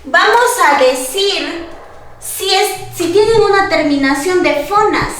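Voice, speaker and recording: High-voiced teacher woman in an echoey room. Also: fairly bright tone. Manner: poses questions to the class and answers them herself, repeats key points. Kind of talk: classroom grammar lesson. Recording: very echoey room, voice far from the mic.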